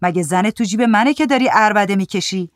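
A woman voicing a sharp-tongued, impatient woman who answers with brusque, mocking retorts in a storybook reading. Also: mid-range voice, dry recording, clean studio sound, close to an everyday voice. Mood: scornful.

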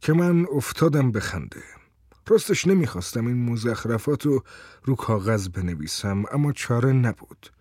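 A man narrating a first-person story in a calm, measured, dry manner. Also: medium pitch, breathy edge, no room sound.

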